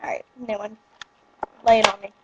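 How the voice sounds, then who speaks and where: A woman's voice: medium pitch, level tone, fairly quick, muffled recording, noisy background. A woman chatting casually while eating gross jelly beans, complaining in a joking, exaggerated way as she reacts to the tastes.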